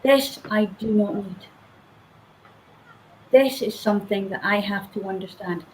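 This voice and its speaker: A woman's voice: mid-range voice, a little slow, a little hiss or hum, low-quality recording. A woman speaking earnestly and emphatically in a motivational conversation, sometimes acting out the inner voices she describes. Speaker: guest speaker.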